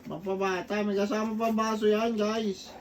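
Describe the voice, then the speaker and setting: A man's voice: high voice, flat delivery, moderate pace. A man, co-hosting a casual unboxing vlog at home with joking, teasing banter. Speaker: vlog co-host. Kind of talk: casual gift-unboxing chat. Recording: distant mic, faint room noise.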